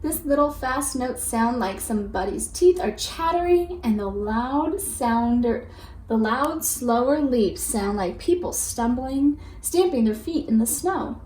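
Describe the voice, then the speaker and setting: Reading a picture book to children, a female teacher instructs as she goes, posing questions and prompts to her audience. Her voice is a little high with a darkish tone, expressive and unhurried. Echo from the room and faint background noise come through.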